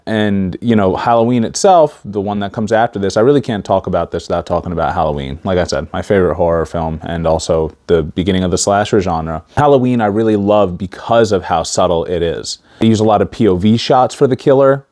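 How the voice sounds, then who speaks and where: Guy doing a casual movie review, kinda low voice, halting, mouth stiff after wisdom teeth removal. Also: a little mellow. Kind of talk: casual talk to camera.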